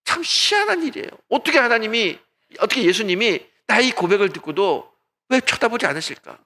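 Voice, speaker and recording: Male pastor, high bright voice, dramatic Sunday sermon delivery, drops to a hush and rises to loud peaks. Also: big pitch swings, a little fast. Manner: dramatic storytelling, acting out voices; swings between hushed and loud. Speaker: senior pastor.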